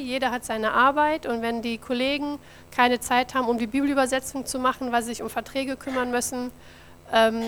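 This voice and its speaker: A German woman who coordinates a mission office gives a friendly church presentation with slides, reporting on her work and addressing the audience directly. Her voice is a little high with a fairly bright tone, and there is slight background noise.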